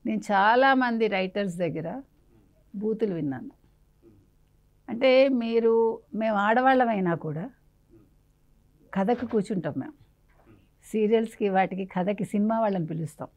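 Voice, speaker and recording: A woman's voice: mid-range voice, normal speed, long pauses, a little mellow. A woman journalist giving a heated, indignant interview in a scolding way.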